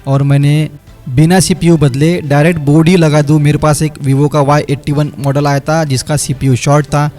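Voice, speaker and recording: A phone repair technician narrates a step-by-step repair tutorial over his work, speaking to viewers as friends. His voice is on the high side with little pitch movement and a normal speed. Light background music plays quietly beneath the voice-over.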